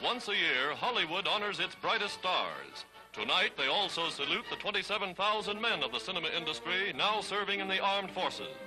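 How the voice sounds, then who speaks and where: Reading a 1940s newsreel script, an American narrator declaims emphatically and dramatically at normal speed with few pauses. His high voice has lively intonation, and the poor audio sits under loud music.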